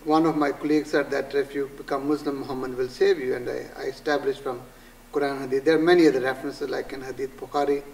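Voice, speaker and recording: An older man with a Pakistani accent answers interview questions in an earnest, halting way, stopping often on "uh" as he quotes sources. His pitch sits in the middle for a man. He is a little distant from the camera mic in a small studio room. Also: flat delivery, vocal fry, darkish tone. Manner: earnest, halting with frequent "uh" pauses, quoting scripture. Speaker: pastor, guest.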